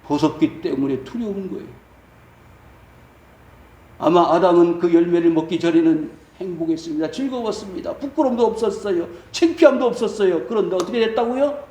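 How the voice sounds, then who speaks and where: A male pastor preaching a sermon, asking the congregation one rhetorical question after another and swinging between loud and soft. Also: high-pitched, reverberant, distant mic. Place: church sanctuary.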